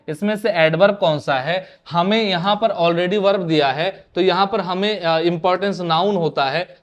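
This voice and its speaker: A male teacher giving an online exam-prep lecture in with terms, often putting questions back to his students and drilling the answers. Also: high-pitched.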